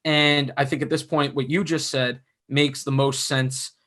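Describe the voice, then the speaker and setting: A young man co-hosting a casual sports podcast, chatty and analytical, his voice going hoarse. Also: mid-range voice, flat delivery, unhurried, a bit bright. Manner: chatty, analytical, self-mocking. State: losing his voice. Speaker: podcast co-host.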